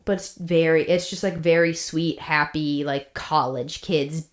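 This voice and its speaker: A woman's voice: low voice, fairly even intonation, unhurried. A woman co-hosting a podcast, telling the story in a casual, chatty way with fillers and laughs. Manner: chatty, laughs often, many fillers and restarts. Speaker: podcast co-host. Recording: roomy echo.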